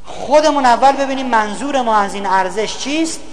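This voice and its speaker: High-voiced man giving a humorous lecture. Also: a little hiss or hum. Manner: storytelling, mimicking others for laughs. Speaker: public speaker.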